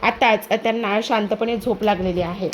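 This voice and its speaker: A woman reading the lines of a polite young man in a TV serial recap, calmly reasoning with others. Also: medium pitch, moderate pace, a little hiss or hum, lightly acted. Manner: calm, reasoning. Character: polite, calm young man protecting a patient.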